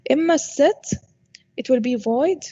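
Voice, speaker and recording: Female teacher addressing a class, Arabic accent, slightly high pitch, muffled recording, frequent comprehension checks. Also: lively intonation, normal speed, warm tone. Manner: switches between English and Arabic, checks understanding often. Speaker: university programming lecturer.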